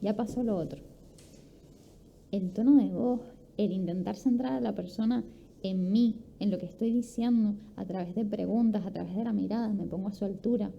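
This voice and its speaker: Woman, conference speaker, raspy fry in the voice, explanatory and full of rhetorical questions; muffled lo-fi capture. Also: medium pitch, fairly quick. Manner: explanatory, poses rhetorical questions and acts out examples. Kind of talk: instructive talk. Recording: dull lo-fi recording with faint ambience.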